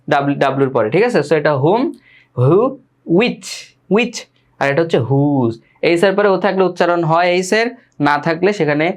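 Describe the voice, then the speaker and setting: A man with a Bangladeshi Bengali accent teaching English grammar in an online class. He often repeats words, asks his students questions and corrects their pronunciation patiently. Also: on the high side.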